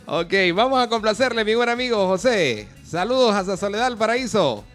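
Honduran male radio host, high voice, chatty call-in manner. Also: very animated, a little fast, soft background music. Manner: friendly, chatty, greets callers warmly. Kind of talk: live radio call-in chat.

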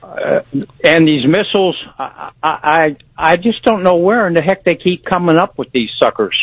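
A man in his seventies calling in to a radio show over a phone line, talking in a halting way with repeated words and restarts. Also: on the high side, lively intonation, no echo. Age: 70s. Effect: caller heard over a phone line on a radio show. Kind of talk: casual call-in chat.

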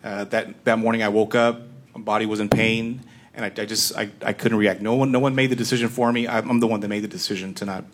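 Flat, rapid live interpreter voice, male. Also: lowish voice, background noise. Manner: halting restarts while rendering speech. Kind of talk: live interpreter voice, translating in first person at a press conference.

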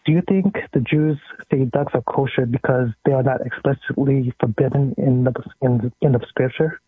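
A man's voice: medium pitch, fairly even intonation, normal speed, husky, dry recording. A male caller on a radio show, politely putting a careful question to the host over a phone line. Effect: phone line call-in voice.

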